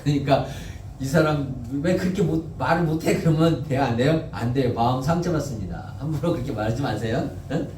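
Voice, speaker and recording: A man's voice: medium pitch, a little fast, few pauses, darkish tone, a little hiss or hum. A male pastor preaching a Sunday sermon in a conversational way, often asking the congregation questions and answering them himself. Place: church sanctuary. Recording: echoey church, mic at a distance.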